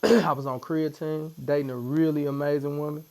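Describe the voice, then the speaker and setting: Here a fortysomething man from Missouri talks at a moderate pace in a fairly high voice, joking around as a podcast guest during a tattoo session. The conversation is casual and full of laughter, with noise audible behind him.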